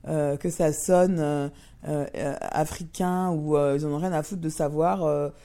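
A woman actress speaks bluntly in an interview, often stopping on fillers. Her voice is very low and dark. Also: fairly even intonation, measured pace. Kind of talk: candid interview testimony.

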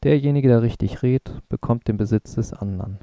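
A man voicing a calm earnest young scholar, gravelly and dark. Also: mid-range voice, a little fast, no echo, studio quality, natural voice. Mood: explaining.

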